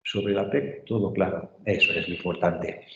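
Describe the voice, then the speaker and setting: A man's voice: deep voice, normal speed, vocal fry, noisy background. A man teaching literature in an online class, patiently explaining and often checking that students follow. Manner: patient, checks understanding with frequent tag questions. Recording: echoey, roomy, dull sound.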